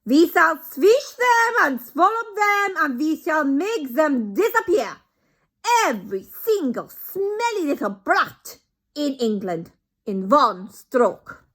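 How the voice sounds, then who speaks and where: A woman voicing a vicious, imperious female witch leader who shouts in broken, bossy grammar. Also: sits high, sing-song, slow, voice pushed up, heavily acted. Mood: ranting.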